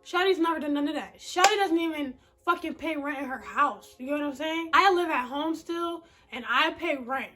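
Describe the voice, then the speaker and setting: Bright, high-voiced young woman venting. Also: moderate pace, few pauses. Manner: blunt, animated, slangy, swears freely. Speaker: vlogger. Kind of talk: casual storytime vlog.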